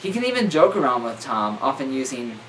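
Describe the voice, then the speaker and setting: A young man reads a horror story aloud with a lively, swooping pitch, often tripping over words and fixing them. He sits a little back from the mic, with faint noise around him. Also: brisk, recorded from a distance. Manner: stumbling, self-correcting, joking asides. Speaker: reader.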